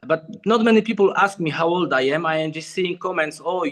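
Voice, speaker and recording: Calm plain-spoken man in his thirties. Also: high-pitched, a little fast. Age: 30s. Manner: calm, plain-spoken, simple non-native phrasing. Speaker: guest. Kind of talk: casual video-call chat.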